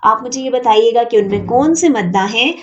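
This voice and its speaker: A woman teaching an online Quran reading lesson, explaining each rule step by step and drawing out example words slowly. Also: on the high side, lively intonation, highs cut off.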